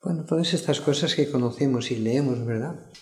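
A man preaching a sermon, reading Bible passages slowly and stressing the crowd's cries. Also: medium pitch, darkish tone. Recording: echoey room.

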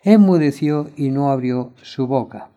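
A man preaching a sermon, reading Bible passages aloud and rising louder on the quoted cries of the crowd. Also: mid-range voice, unhurried.

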